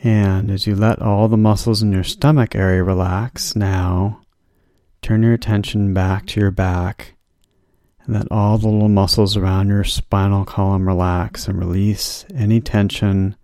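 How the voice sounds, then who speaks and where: A man leading a guided progressive muscle relaxation, speaking in slow, soothing, drawn-out instructions. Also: lowish voice, little pitch movement, warm tone, no echo, clean studio sound.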